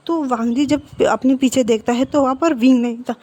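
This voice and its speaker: Woman storyteller, casual recap, high mellow tone. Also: normal speed, dry recording, lo-fi sound. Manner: conversational, with repeats and restarts. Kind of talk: casual retelling of fan fiction.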